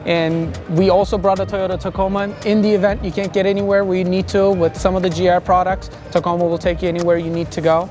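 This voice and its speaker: A man's voice: a little high, darkish tone. A man from Turkey who works for a car dealership, explaining his products with enthusiasm in an interview at an outdoor car show.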